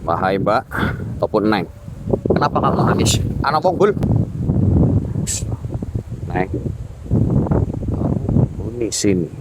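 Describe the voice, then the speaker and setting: A young man leads a roadside ghost hunt, his low voice moving between chanted prayers and direct talk to his viewers. Steady wind and outdoor noise sit right under him. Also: slow pace, long pauses. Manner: solemn, intoning Arabic prayers, then urgent and startled. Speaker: ghost-hunting vlogger. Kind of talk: spoken invocations and narration to viewers.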